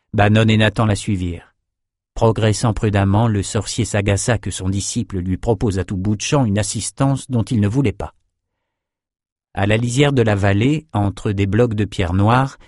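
A man narrating a fantasy audiobook in an even, measured reading. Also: fairly low pitch, dry recording, clean studio sound.

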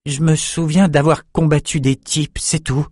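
A man's voice: a little high, level tone, unhurried, a little mellow, dry recording, clean studio sound, pitched above the performer's own voice. A man voicing an earnest, brave young male swordsman in an audiobook.

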